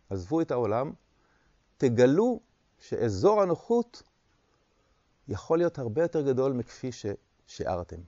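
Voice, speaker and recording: Male meditation teacher, reflective dharma talk, gravelly and dry, short phrases with pauses. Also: mid-range voice, a little mellow, dry recording, lo-fi sound.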